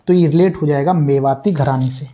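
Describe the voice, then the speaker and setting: A young man runs a casual exam-prep lesson built on memory tricks. He talks in a chatty, repetitive way and keeps calling his viewers brother. His voice sits a little high with a mellow tone. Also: brisk. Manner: chatty, repeats words, addresses viewers as brother. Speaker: exam coaching teacher.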